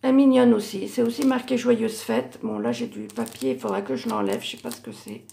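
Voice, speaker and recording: A middle-aged woman, talking through her handmade crafts in a relaxed, halting way. Her voice is gravelly and a little hoarse, pitched somewhat high, and she stops often to correct herself. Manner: hesitant, many fillers and self-corrections. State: voice going hoarse. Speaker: craft YouTuber. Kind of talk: casual show-and-tell of handmade cards.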